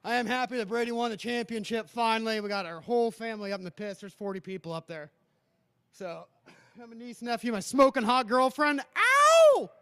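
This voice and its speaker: An excitable race driver with a gravelly, high-pitched voice, speaking up close and dry in a trackside interview. He races through thanks to family and sponsors. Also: quick pace, no room sound.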